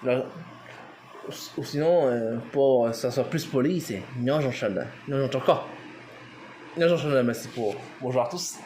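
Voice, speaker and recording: Slow, halting man teaching a language. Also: mid-range voice, warm tone, slight background noise. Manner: halting, many fillers and restarts, spells words out. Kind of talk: informal language lesson.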